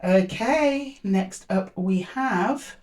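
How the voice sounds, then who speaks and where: A woman with a croaky voice hosting a casual tarot reading, chatty and speaking familiarly to her listeners. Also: medium pitch, very slow, a little mellow. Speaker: tarot reader and channel host.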